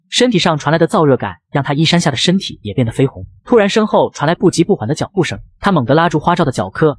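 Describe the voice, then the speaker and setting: Brisk male storyteller, slightly high, breathy, dry booth sound. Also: no echo. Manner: fast, dramatic storytelling. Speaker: comic recap narrator. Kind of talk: scripted narration.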